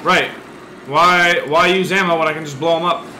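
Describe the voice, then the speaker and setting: A man does let's play commentary, excitable and jumpy, swearing often as he plays. His voice sits a touch high for a man. The sound is roomy, with steady background noise underneath. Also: normal speed. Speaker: gaming video host.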